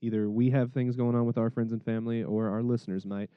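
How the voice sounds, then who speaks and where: A man's voice: mid-range voice, level tone, quick pace, smooth, no echo, highs cut off. A man co-hosting a gaming podcast in casual chat, laughing often and reading listener questions. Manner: laughs often, reads listener tweets aloud. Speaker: podcast co-host.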